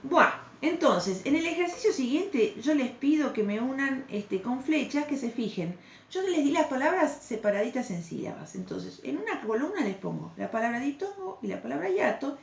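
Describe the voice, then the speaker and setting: A woman teacher with a fairly high voice and vocal fry patiently explains a recorded lesson, checking in with the class through questions. The room is echoey, with faint background noise.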